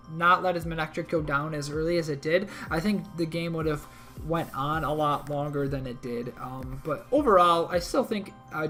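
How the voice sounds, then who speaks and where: A man co-hosts a league recap, rambling through a match and correcting himself as he goes in casual game commentary. His voice sits fairly high and a bit bright, and a cold has left it a little hoarse.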